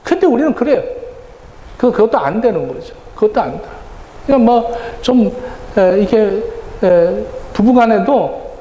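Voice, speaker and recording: A male pastor with a high, lively voice preaches a sermon, his pitch rising and falling as he talks. He is middle-aged and keeps a conversational tone throughout. His voice rings through a large, echoey church hall, with faint room noise underneath. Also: normal speed, lo-fi sound. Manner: conversational preaching, acting out quoted exchanges. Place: church sanctuary. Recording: roomy church hall reverb, faint ambience.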